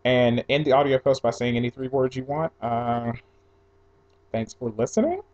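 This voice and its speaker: A man's voice: mid-range voice, lively intonation, moderate pace, darkish tone. A young man from New Jersey and Atlanta chatting casually and offhandedly, reading through a questionnaire for an audio blog post with wandering asides. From New Jersey, mostly raised in Atlanta. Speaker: blogger recording an audio post. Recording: slightly dull lo-fi home recording.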